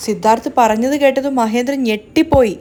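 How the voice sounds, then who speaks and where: A woman's voice: on the high side, fairly quick, dark tone. Chatty woman retelling a serial episode. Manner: conversational with small self-corrections. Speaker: narrator.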